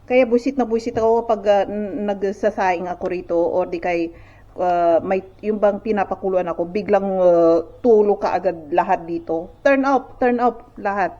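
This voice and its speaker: A woman's voice: mid-range voice, normal speed, mellow. Rambling older woman in a roomy kitchen. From Philippines. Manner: rambling, many fillers and repeated "sabi ko". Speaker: vlogger. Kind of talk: casual storytelling chat to viewers. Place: home kitchen. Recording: roomy, dull home recording.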